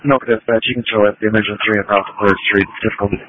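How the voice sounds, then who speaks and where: A man responding to dispatch over a police radio transmission, brisk and matter-of-fact. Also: fairly low pitch, level tone, dry recording. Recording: tinny phone-like radio band.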